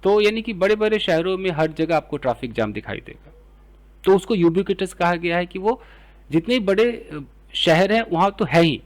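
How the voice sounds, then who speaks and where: A man with an Indian English accent teaching English words, explaining in Hindi and reading example sentences slowly. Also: fairly high pitch. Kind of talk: vocabulary lesson.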